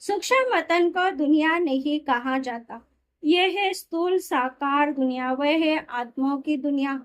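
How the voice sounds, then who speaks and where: A woman reading a spiritual discourse aloud in a steady, explanatory way, sometimes correcting herself mid-word. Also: sits high, a little slow. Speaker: reader of a daily spiritual discourse.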